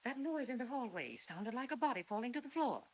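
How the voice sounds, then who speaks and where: A middle-aged actress playing a gentle, protective mother who speaks in a soothing, motherly way, on a dull 1930s film soundtrack. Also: fairly high pitch, sing-song, fast talker. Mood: tender.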